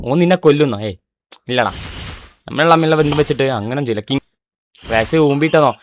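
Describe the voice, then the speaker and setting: Pleading, fast-talking Malayali streamer man. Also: fairly high pitch, a bit bright. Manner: pleading, insistent, swears oaths. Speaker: livestreamer. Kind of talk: live-stream talk to chat.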